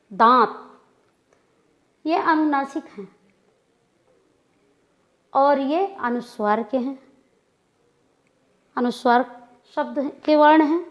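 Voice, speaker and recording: Slow, deliberate woman teaching grammar. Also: sits high, muffled recording. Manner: slow, deliberate, repeats and demonstrates pronunciations. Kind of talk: classroom-style lecture.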